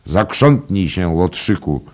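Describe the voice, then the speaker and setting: A man putting on a swaggering, bossy rider from a mock-chivalric tale who barks orders. The voice is lifted well above the reader's own deep tone and drawn out at times. Hectoring and loud. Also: very animated, slow, heavily acted. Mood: commanding. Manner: commanding, hectoring. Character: blustering swaggering mounted male traveller.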